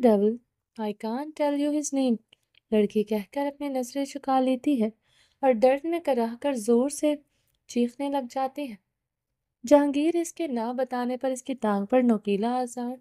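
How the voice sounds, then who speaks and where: A woman narrating a novel aloud in a steady reading voice with small restarts. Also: sits high, no room sound, studio quality. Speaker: novel reader. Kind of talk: audiobook narration.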